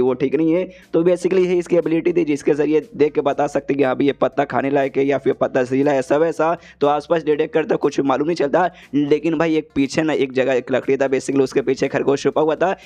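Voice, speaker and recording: A man narrating a casual story recap in a rapid, chatty, filler-heavy way. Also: a little high, dark tone.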